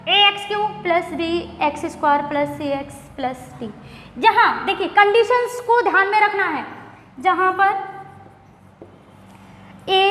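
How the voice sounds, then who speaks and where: A woman's voice: extremely high pitch, bright, forceful tone. A woman teaching a maths lesson who asks questions, answers them herself and repeats key terms. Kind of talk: classroom lecture. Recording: echoey room with faint noise.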